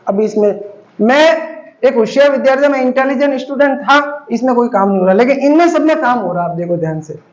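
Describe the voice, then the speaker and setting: A man's voice: extremely high pitch, animated, quick pace. A man teaching an English grammar lesson to students, explaining patiently and repeating examples, calling them "beta". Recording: roomy, dull lo-fi recording.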